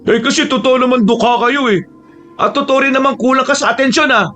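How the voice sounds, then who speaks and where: A man's voice: very high voice, brisk, pushed and bright, soft background music, pitched above the performer's own voice. A man voicing a cruel young male bully who taunts and threatens in a sneering way. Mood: menacing.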